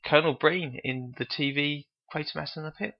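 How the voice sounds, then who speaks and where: A man's voice: fairly high pitch, a little fast, vocal fry. A man co-hosting a podcast, chatting casually and hesitantly about an old film, with a light chuckle. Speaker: podcast co-host. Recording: dull lo-fi podcast audio.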